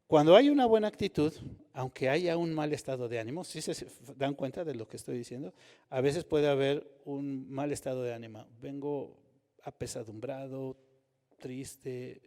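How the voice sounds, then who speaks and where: A man preaching a sermon in an animated way, often putting questions to the congregation. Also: on the high side, long reverb tail. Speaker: pastor.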